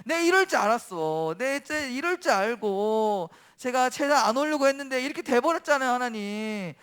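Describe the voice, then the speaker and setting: Sulky, complaining prophet, put on by a male preacher, high and whiny. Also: lively intonation, moderate pace, a bit bright, clear, resonant tone. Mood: whining. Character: sulking angry prophet Jonah, adult man.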